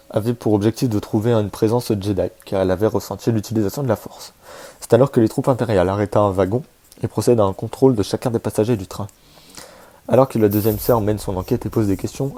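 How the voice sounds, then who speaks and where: A man's voice: fairly low pitch, dark tone. A man hosting a casual video, chatty and hesitant with many fillers and joking asides, over faint background music. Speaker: YouTube host presenting a game character.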